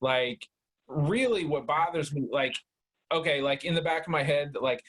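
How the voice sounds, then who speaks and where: A man in his thirties with a fairly high voice, chatting loosely as a podcast co-host. He rambles, stacks up fillers and swears freely. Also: moderate pace, fairly bright tone, slightly rough. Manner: rambling, heavy "like" and "dude" fillers, swears a lot. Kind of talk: casual profane chat.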